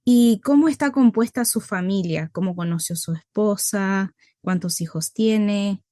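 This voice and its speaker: A woman's voice: medium pitch, measured pace, warm tone, no room sound, studio quality. A woman hosting an interview, asking friendly questions and reacting with affirming remarks. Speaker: interview host.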